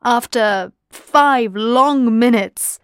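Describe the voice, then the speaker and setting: A woman reading a workbook listening passage aloud, slowly and carefully. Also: on the high side, no room sound, studio quality. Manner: slow, clear, careful reading. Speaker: workbook audio reader. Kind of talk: scripted narration.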